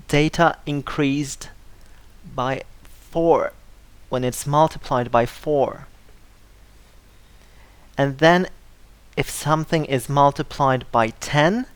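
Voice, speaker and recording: Steady, deliberate English teacher, mid-pitched voice, dry close sound, repeats every word list for learners. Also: smooth, no room sound. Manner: slow, careful delivery, repeating word lists for learners; stresses syllables to model pronunciation. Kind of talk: scripted vocabulary lesson.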